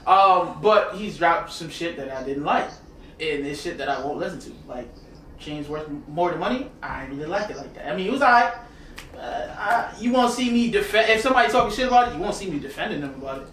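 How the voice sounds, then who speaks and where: Eighteen-year-old man, laid-back and halting, expressive pitch, distant in an echoey room. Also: slight background noise. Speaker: podcast co-host. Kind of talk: casual group chat. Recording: echoey room, far from mic.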